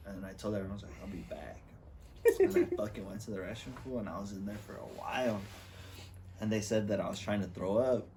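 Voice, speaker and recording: A young man co-hosting a podcast, telling a profane, animated party story full of quoted voices. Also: on the low side, recorded from a distance, slight background noise. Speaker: podcast co-host. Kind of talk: casual storytelling among friends.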